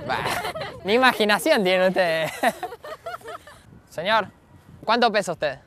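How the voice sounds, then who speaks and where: A man's voice: high-pitched, expressive, measured pace, a crowd in the background. A young man with an Argentine accent, teasing strangers with brash, cheeky banter outdoors in a park as a street prankster. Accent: Argentine Spanish.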